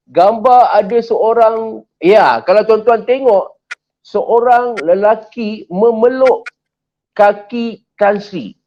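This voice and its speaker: A man's voice: sits high, warm tone. A man with a Malaysian accent hosting an interview, describing a picture and putting a question to his guest in wordy, stumbling phrases. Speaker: interview host. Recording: dull lo-fi sound.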